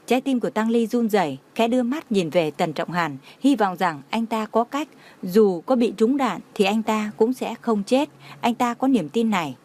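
A woman's voice: fairly high pitch, animated, moderate pace, a little mellow. A woman reading a romance novel aloud as a narrator, voicing every character's lines in her own voice. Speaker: audiobook narrator.

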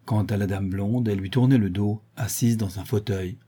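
Casting: middle-aged male audiobook reader, low husky tone, measured classic-novel narration. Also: fairly even intonation, mellow. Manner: measured storytelling, lifting his voice for dialogue.

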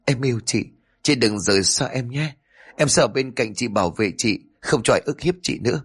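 An earnest, brave young man speaks with raw emotion, voiced by a male narrator. His pitch rises and swings in a lively way. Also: fairly quick, husky. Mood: emotional. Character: brave young farm-raised man, devoted.

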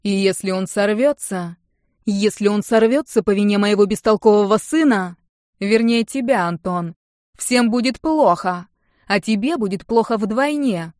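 A woman's voice: medium pitch, unhurried, darkish tone, no echo, clean studio sound, close to an everyday voice. A woman reading an audiobook, voicing a domineering wealthy middle-aged mother who talks with sarcasm and scorn. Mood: angry. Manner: sarcastic, venomous, raising her voice.

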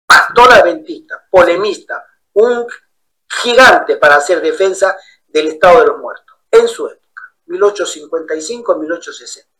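Bright, high-voiced male preacher. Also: moderate pace, slight background noise, low-quality recording. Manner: animated storyteller acting out quoted voices. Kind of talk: sermon-style Bible study with storytelling.

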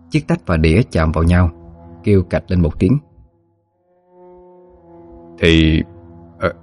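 A man narrating a ghost story in a steady, measured way. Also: deep voice, breathy edge. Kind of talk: scripted horror story narration.

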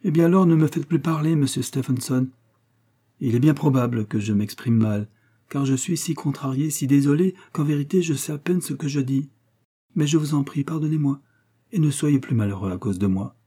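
A man voicing a distressed, tearful young woman who speaks firmly and pleads, in a husky dark voice. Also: a little high, lively intonation, moderate pace, voice pushed up. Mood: distressed pleading. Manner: pleading, emotional.

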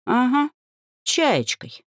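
A woman's voice: sits high, huge pitch swings, very slow, dry recording, studio quality, voice pushed up, exaggerated voice. A woman voicing a weary young heroine who grumbles wry remarks.

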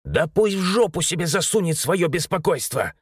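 A man's voice: sits high, lively intonation, moderate pace, slightly rough, no room sound, studio quality, voice pushed up. A man voicing a bitter, betrayed young man. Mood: furious. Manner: bitter, shouting then quiet.

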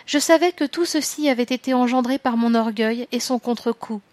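A woman's voice: fairly high pitch, a little fast, a little mellow, dry recording. Woman reading a story in a dry, close sound. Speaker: audiobook reader. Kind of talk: scripted first-person narration.

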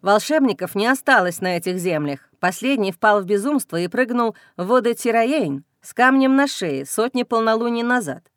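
For an audiobook, a woman voices a cold, indifferent male werewolf warrior, sounding cool, calm and dismissive. Her voice is on the high side and close to everyday speech, at normal speed, with clean studio sound and no room sound.

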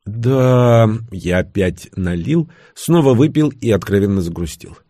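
A man reading a thriller audiobook aloud in a wry, expressive first-person narration. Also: sits low, normal speed, no room sound, clean studio sound.

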